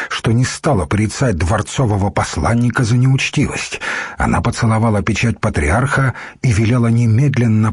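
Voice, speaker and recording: A man narrating an audiobook in a steady, measured reading voice. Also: mid-range voice, slightly rough, dry recording, studio quality.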